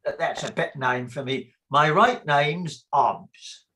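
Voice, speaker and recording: A man's voice: fairly high pitch, slow pace, pushed and bright. A man playing a blunt, argumentative, practical theatre man in a stage play reading, blustering as he talks. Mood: dry. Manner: blustering, interrupting.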